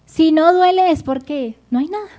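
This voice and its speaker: A woman's voice: very high voice, normal speed, dark tone. A woman preaching a sermon, speaking fervently and addressing the congregation directly.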